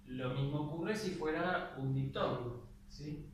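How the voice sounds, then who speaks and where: A young Argentine man teaches a class in a slightly high voice. The room rings with heavy echo, and he sounds set back from the mic. A faint hiss runs underneath as he explains patiently, checking in after every point. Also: slow. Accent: Argentine Spanish. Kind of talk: classroom lecture. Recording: very echoey room, voice far from the mic, faint noise.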